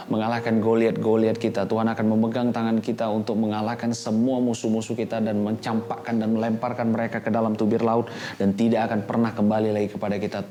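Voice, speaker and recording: A man's voice: fairly low pitch, dark tone. A man with an Indonesian accent preaching a fervent sermon as a pastor, slipping English words into his talk. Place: church hall.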